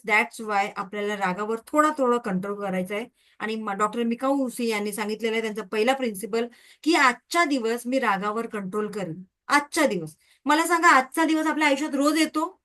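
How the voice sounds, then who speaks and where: High-voiced woman teaching a lively class. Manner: lively, quizzes the class with repeated questions. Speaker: Reiki teacher. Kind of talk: online class lecture.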